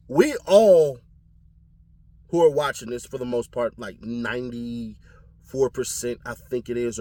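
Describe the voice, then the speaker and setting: California guy ranting on his vlog, slangy and animated, laughs a lot. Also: mid-range voice. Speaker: commentary vlogger. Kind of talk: casual commentary.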